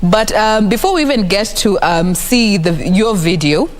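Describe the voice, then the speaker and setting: Kenyan woman, breakfast TV host, upbeat, mid pitch, long reverb. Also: expressive, moderate pace. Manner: upbeat, mixes English with Swahili phrases. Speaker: morning TV host. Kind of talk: TV talk show hosting. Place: TV studio.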